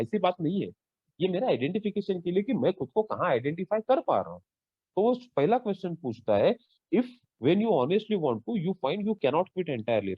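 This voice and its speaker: A man, sharing his own story at a Twelve Step workshop, earnest and full of rhetorical questions, slipping into English phrases. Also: dry recording. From India. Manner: rhetorical questions, lively pitch swings. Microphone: online call. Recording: dull lo-fi online call audio.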